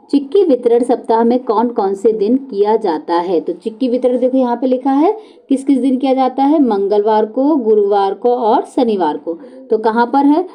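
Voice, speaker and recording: A woman's voice: fairly high pitch, dark tone. A woman teacher taking children through exam questions, asking questions aloud and answering them herself, repeating key answers and dropping her voice to confirm the correct option. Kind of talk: exam-prep lesson walking through multiple-choice questions.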